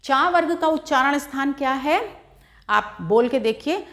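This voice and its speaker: A woman teaching an exam-prep grammar lesson, explaining step by step, asking rhetorical questions and sounding out letters slowly as examples. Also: high-pitched, expressive, fairly bright tone.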